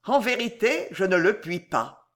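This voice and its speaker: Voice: mid-range voice, expressive, a little slow, pitched above the performer's own voice, lightly acted. A reader voicing a sly male servant who gushes in an overly sentimental way in an audiobook. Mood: gushing. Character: sly, gushing male servant, falsely tearful. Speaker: character in an audiobook. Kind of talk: audiobook character reading.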